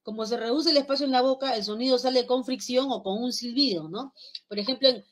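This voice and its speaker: A woman's voice: fairly high pitch, fast, background noise. Peruvian woman lecturing with frequent checks. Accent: Peruvian Spanish (Lima). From Lima, Peru. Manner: explanatory, many checks like ¿ya? and ¿no?, demonstrates sounds aloud. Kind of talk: online class lecture.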